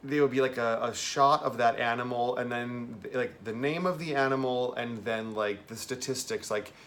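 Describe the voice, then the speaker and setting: A man with a mid-pitched voice talks through a film review as a host. His delivery is casual and campy, with wry little asides tucked into the chat. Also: normal speed, a bit bright.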